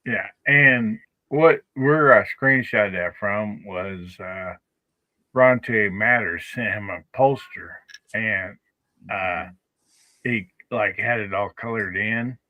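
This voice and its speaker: A man on a podcast panel, speaking slowly and laid-back and laughing often. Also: on the low side, bright, forceful tone, no room sound, poor audio. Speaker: panel guest. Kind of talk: casual panel chat.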